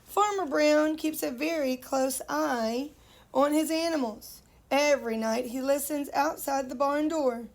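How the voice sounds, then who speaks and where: A woman's voice: high-pitched, measured pace. A woman teacher reading a picture book aloud to children, stopping to ask them questions and playfully singing the animal noises.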